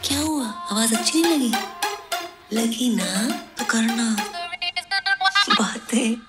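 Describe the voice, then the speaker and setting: Coaxing female phone voice; unhurried, teasing, raised pitch, over loud film music. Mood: flirty.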